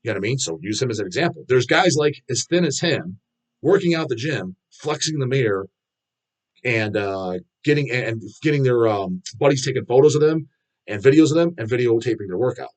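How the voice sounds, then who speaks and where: A man's voice: mid-range voice, expressive, a little fast. A man talking loosely to his chat in an ordinary mid-range voice. He rambles, trips over restarts and fillers, and curses freely as he mocks what he sees at the gym. The tone is blunt and unpolished, like off-the-cuff live-stream talk. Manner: rambling and heavily profane, many restarts and fillers. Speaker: streamer answering viewer questions.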